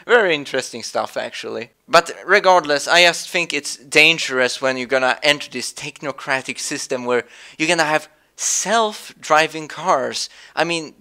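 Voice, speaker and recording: Swedish-accented man with a bright voice. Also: mid-range voice. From Sweden. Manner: meandering, full of fillers and restarts. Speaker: news commentary vlogger. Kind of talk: casual rambling commentary.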